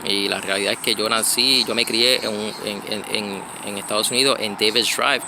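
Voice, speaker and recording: A man gives a loose church reflection outdoors, stopping and restarting often, with many fillers. His voice sits low and has a gravelly edge. Insects and passing traffic are heard clearly behind him. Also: steady tone, normal speed. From United States (Connecticut). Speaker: church brother giving a reflection. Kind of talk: casual spoken reflection.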